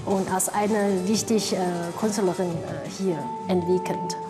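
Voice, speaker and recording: A woman from Taiwan speaks slowly and haltingly, stopping often to search for words. She is a dance artist talking in an interview. Music plays clearly behind her. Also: fairly low pitch, fairly even intonation. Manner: halting, with many pauses and fillers. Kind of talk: interview answers.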